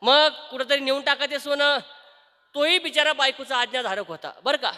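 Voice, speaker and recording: A man's voice: extremely high pitch, moderate pace, sharp tone, in a large hall. A man preaching a devotional kirtan sermon, singing verses and telling a story while quizzing his audience. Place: live kirtan gathering.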